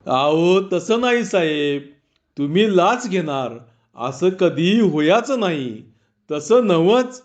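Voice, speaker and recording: Humble pleading villager with rustic speech, played by a male storyteller, slow, a bit high. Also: lively intonation, muffled recording.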